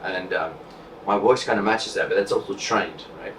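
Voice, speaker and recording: A man's voice: low-pitched, normal speed, a bit bright. A man talking as a guest on a casual podcast, direct and projecting from the diaphragm. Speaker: podcast guest, content creator and magician. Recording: echoey room, distant mic, faint noise.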